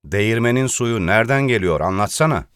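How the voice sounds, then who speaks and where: A man voicing a sharp-tongued male politician in a read-aloud satirical column, sarcastic and taunting. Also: fairly low pitch, animated, a little fast, clear, resonant tone, no echo, clean studio sound.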